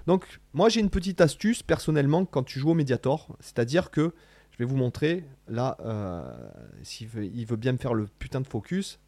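A man rants casually to his camera about guitar playing, in a mellow, darker voice. He talks in bursts, stressing words hard, trailing off and restarting often. The sound is dry and close, with no room around it. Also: mid-range voice, moderate pace, no room sound. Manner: animated, rambling, emphatic, slangy, many restarts. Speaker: guitar teacher vlogger. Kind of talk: casual spoken vlog to camera.

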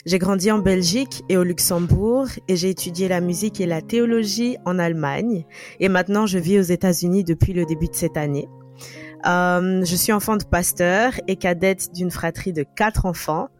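A woman in her twenties from Burkina Faso, a podcast guest talking in a relaxed, easy conversational way and thinking aloud. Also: on the low side, normal speed, soft background music. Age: 20s. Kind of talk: conversational interview.

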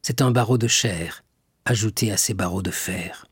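A man reading a classic novel aloud in measured, dramatic narration. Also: fairly low pitch, husky, dry recording, studio quality. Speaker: audiobook narrator.

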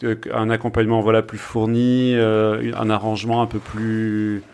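A man's voice: lowish voice, monotone, moderate pace, a little mellow, smooth. A man giving an easygoing song review on a radio panel. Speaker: radio columnist.

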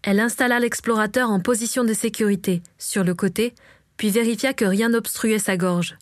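A woman narrating a fantasy novel in a steady, measured reading. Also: mid-range voice, no room sound, studio quality. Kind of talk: audiobook narration.

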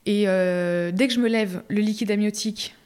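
A young woman giving a personal testimony as a podcast guest, talking casually with many fillers and restarts in a halting, emotional way. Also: medium pitch, steady tone, darkish tone, smooth.

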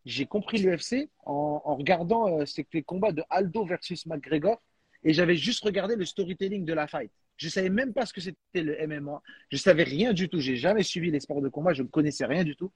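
A man with a husky, slightly high voice chatting casually as a guest. He talks in an animated, slangy way, restarting and repeating words as he goes. The sound is dry and close. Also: fairly quick, no room sound. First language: French. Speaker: guest, freestyle football creator. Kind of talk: casual chat.

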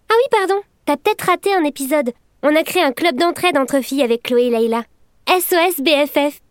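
An actress voicing a lively twelve-year-old schoolgirl who narrates a podcast in an audio drama, talking straight to the listener. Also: high-pitched, moderate pace, dry recording, clean studio sound. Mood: chatty. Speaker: podcast host in a story.

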